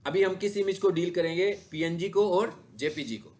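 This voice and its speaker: A male digital marketing instructor gives a classroom lecture with a screen demo, his voice sitting high and a little mellow at a moderate pace. He often poses questions to his students and then answers them himself.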